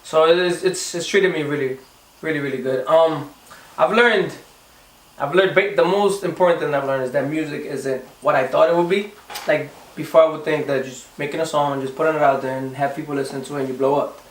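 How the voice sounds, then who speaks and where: A man's voice: on the high side, fairly even intonation, a little fast, reverberant, far from the mic, poor audio. A young man from the Dominican Republic, a singer answering interview questions casually, often restarting and repeating words. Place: recording studio.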